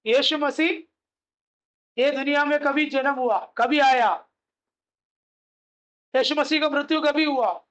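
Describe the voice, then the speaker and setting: A man's voice: very high voice, takes it slowly, long pauses, a bit bright. A male pastor preaching a sermon, asking rhetorical questions, answering them himself and repeating key phrases.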